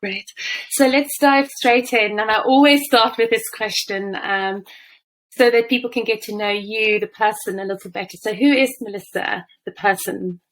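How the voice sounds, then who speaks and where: A woman's voice: mid-range voice, fairly even intonation, normal speed, fairly bright tone, low-quality recording. A woman hosting a podcast interview, asking questions and praising her guest effusively, with many fillers. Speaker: podcast host.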